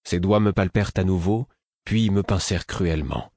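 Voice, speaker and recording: A man giving measured first-person narration for an audiobook. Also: low voice, a little mellow, no echo, clean studio sound.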